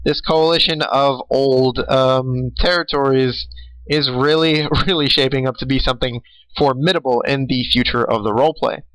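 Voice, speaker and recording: A man's voice: medium pitch, steady tone, normal speed, fairly bright tone, dry recording, rough recording. A tired young man hosting a casual recap of an online strategy game, rambling with fillers and small laughs. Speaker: game host.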